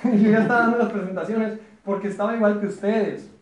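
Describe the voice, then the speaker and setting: A man's voice: sits high, fairly even intonation, quick pace, lo-fi sound. A man with a Mexican accent giving a chatty, joking business presentation to a small group, often checking that they follow. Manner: chatty, questioning the room, joking. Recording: roomy echo.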